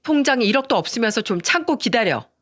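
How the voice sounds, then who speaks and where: Man putting on a high shrill scheming wife. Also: very animated, quick pace, fairly bright tone, exaggerated voice. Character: scheming young wife, sly then pleading.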